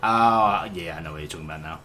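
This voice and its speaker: A man's voice: low voice, fast, bright, forceful tone, faint music behind. A man streaming a game, chatting casually with hesitant, rambling talk and the odd swear. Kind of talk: casual gaming stream chat.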